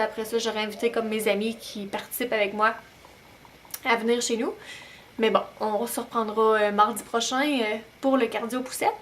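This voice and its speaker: A young woman with a Québécois French accent talking casually to camera at home as a new-mom vlogger, relaxed and full of hesitant pauses. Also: on the high side, a little hiss or hum. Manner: chatty, many "euh" pauses, relaxed. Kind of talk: casual vlog talk to camera. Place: home, bedroom at night.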